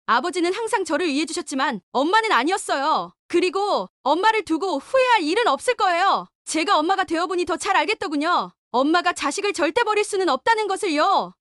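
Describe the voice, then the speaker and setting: Female reader doing a resentful daughter, high-pitched, firm accusing lines. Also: a bit bright, no room sound, clean studio sound. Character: cold, resentful grown daughter.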